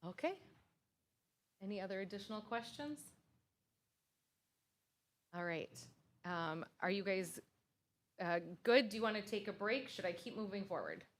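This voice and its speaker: A woman's voice: mid-range voice, lively intonation, measured pace, long pauses. A woman consultant presenting to a school board at a public meeting, conversational and loose, with frequent fillers and restarts.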